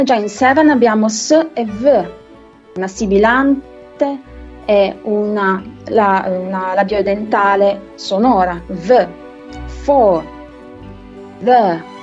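A woman teaching an explanatory lecture, patiently breaking points down step by step and slowing down to read English verses aloud. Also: mid-range voice, a little mellow, highs cut off. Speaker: literature and phonetics teacher.

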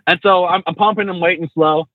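Laid-back trucker guest on a tinny line. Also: male voice, high-pitched, fairly even intonation, brisk, no echo. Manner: laid-back, slangy, many fillers and restarts. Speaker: truck driver trainer, guest. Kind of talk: casual storytelling.

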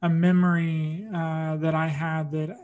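Male podcast host, fairly high and monotone, casual and rambling. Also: unhurried. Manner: rambling storytelling, many fillers and restarts. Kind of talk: casual interview chat.

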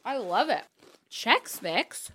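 Woman, podcast co-host, gushing, exclamatory, swooping lively voice. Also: on the high side, slow, slight background noise. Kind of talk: casual podcast chat, unboxing fan mail.

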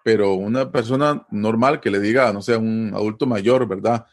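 Here a man from Costa Rica, whose voice sits low and carries his Costa Rican accent, talks through a topic conversationally as an interview guest. He takes his time, patiently explaining while pausing often with fillers and tag questions.

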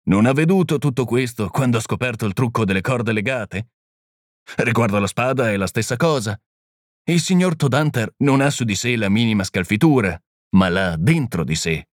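A man reading the part of a small, gentle priest-detective who explains things calmly and patiently. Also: medium pitch, moderate pace, no echo, studio quality, lightly acted. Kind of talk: audiobook reading.

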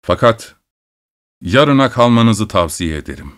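A reserved gentleman speaks in a low, measured voice, as a man reads him out. He stays restrained and even, a storybook character. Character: calm reserved gentleman, the musician's host. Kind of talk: audiobook character voice.

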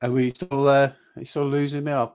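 A man speaking over a video call whose audio keeps cutting in and out, talking in halting, restarted phrases. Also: mid-range voice, flat delivery, clear, resonant tone. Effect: choppy audio that keeps cutting in and out. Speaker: guest recounting a UFO encounter. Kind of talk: remote interview talk. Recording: dull, dry online call audio dropping out.

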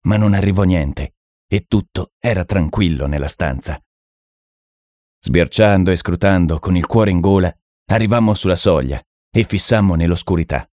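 A man narrating a horror story in a measured, dramatic audiobook reading. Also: low voice, darkish tone, no echo, studio quality.

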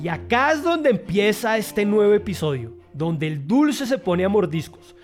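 Man, high voice, Bogotá Colombian accent, scripted podcast narration, playful asides, faint music behind. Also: big pitch swings, measured pace. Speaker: podcast host.

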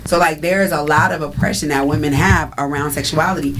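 A woman's voice: low-pitched, fairly even intonation, a little fast, a bit bright, slight background noise. A woman talking frankly and at length in a casual group chat.

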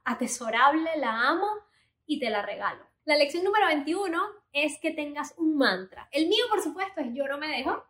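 A woman's voice: high voice, fairly bright tone, roomy sound. A woman in her thirties giving earnest, encouraging life lessons in a confiding personal monologue. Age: 30s. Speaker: motivational vlogger.

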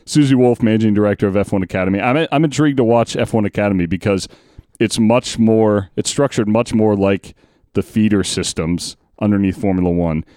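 Low-voiced chatty male podcast host. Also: mellow, no room sound, studio quality. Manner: chatty, reads stats quickly. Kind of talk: casual sports chat.

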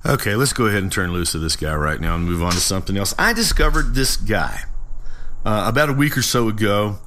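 A man hosting a political talk show with unscripted solo commentary, speaking in an informal, halting way. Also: lowish voice, bright, forceful tone, slight background noise.

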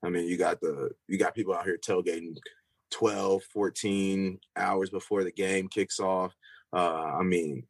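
A man's voice: low-pitched, fairly even intonation, measured pace, gravelly, no echo, low-quality recording. A young man, a football player, answering interview questions casually with lots of fillers and restarts. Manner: loose, rambling, with many fillers and restarts.

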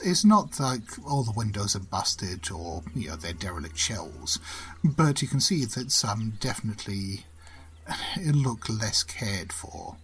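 A man's voice: mid-range voice, breathy edge, low-quality recording. A man narrating a tabletop horror game as game master, descriptive and rambling with many fillers.

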